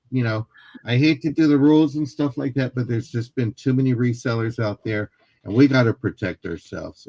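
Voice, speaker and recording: A man in a live sale chat lays out the shop rules with jokes and easy laughter. His mid-pitched voice comes through dull and dry, with a muffled lo-fi sound. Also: dark tone, no echo. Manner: joking, reassuring, laughs often. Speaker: seller explaining shop rules.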